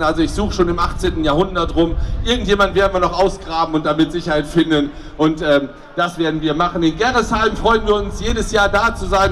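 A man's voice: sits high, fairly bright tone. A man giving a welcome speech as carnival club president at a public event. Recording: distant mic, faint background noise.

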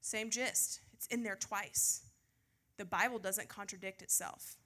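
An American woman pastor preaches to a youth group from a church stage before a seated audience, speaking into a handheld mic. Her conversational sermon blends scripture reading with chatty questions in an informal, self-deprecating style. Her mid-range voice is bright and forceful, with fairly even intonation and a measured pace.

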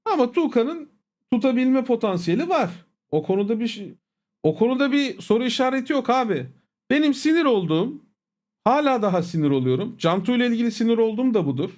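An extremely high-pitched man with a sing-song, darkish voice talks fairly quickly in a casual livestream rant. Blunt, profane and annoyed, he refers to his viewers familiarly as "abi" and "agalar."

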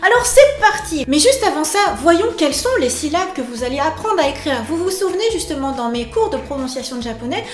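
A bubbly woman with a high, bright-sounding voice, teaching an online lesson with lots of cheerful enthusiasm. She sounds like she is in an echoey room, with faint music playing underneath. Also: lively intonation, fast, few pauses. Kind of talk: upbeat video lesson.

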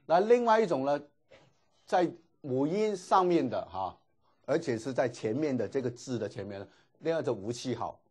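A man's voice: medium pitch, sing-song, normal speed, a little mellow, husky. A man teaching a Greek class, explaining patiently and dropping frequent filler particles. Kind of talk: classroom lecture.

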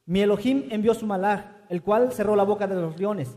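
A man reading scripture aloud in a steady, measured way. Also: high-pitched. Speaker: scripture reader. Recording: long reverb.

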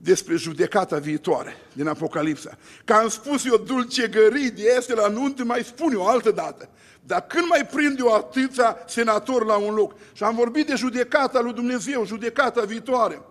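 High-voiced preaching man, church reverb. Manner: emphatic preaching with repeated lists and rhetorical questions. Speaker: pastor. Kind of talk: sermon.

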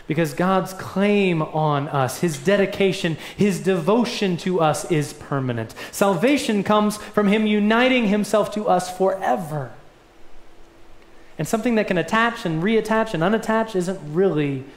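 A young man preaching a sermon in a church, earnest and emphatic, his voice swelling on key points. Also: high-pitched. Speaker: pastor. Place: church sanctuary. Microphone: lectern mic. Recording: echoey church room.

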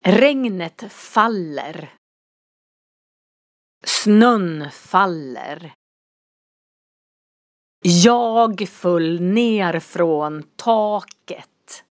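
A woman with a somewhat low voice gives a vocabulary lesson, saying each word form slowly and distinctly so learners can follow. Her voice is recorded close up in a dry room with no echo. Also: expressive. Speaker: language teacher. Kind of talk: slow, clearly articulated vocabulary lesson.

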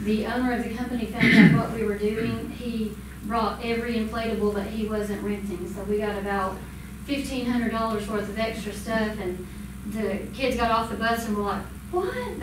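This is a school department presenter, a middle-aged woman of medium pitch, delivering a loose, um-heavy report at a public board meeting. The audio comes from a room microphone well away from where she stands, giving a noisy, reverberant sound.

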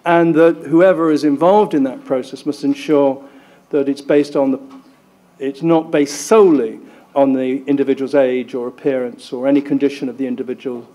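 A man's voice: mid-range voice, dark tone. A man giving an academic conference talk, self-deprecating and full of ums and restarts. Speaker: conference speaker. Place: lecture room at a conference.

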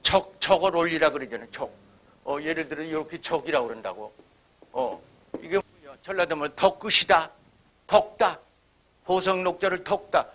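A man's voice: on the high side, animated, normal speed, a bit bright. An older man giving a public lecture at a forum, emphatic, repeating key words and imitating regional phrases.

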